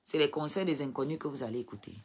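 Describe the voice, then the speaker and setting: A husky-voiced woman speaks through tears into her phone on a live stream. She talks defiantly and hurls rhetorical questions at her viewers. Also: deep voice, fast talker. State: crying. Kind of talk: emotional live stream rant.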